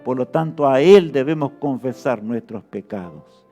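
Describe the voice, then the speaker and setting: A man's voice: mid-range voice, expressive, moderate pace, mellow, soft background music. A man preaching a sermon with fervor, often asking his listeners rhetorical questions.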